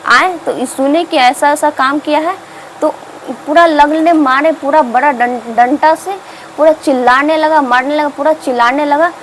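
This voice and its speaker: A woman's voice: sits high, fairly even intonation, a little slow, slight background noise, rough recording. A woman teacher explaining a story to students, asking herself questions and answering them. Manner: repetitive, asks and answers its own questions.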